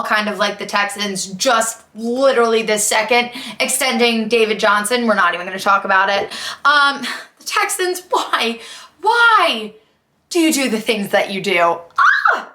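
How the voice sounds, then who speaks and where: A young woman with a high voice, a sports vlogger and podcast host, gives casual, opinionated commentary in a chatty, expressive, emphatic way with slangy asides. She's recording at home in an echoey room.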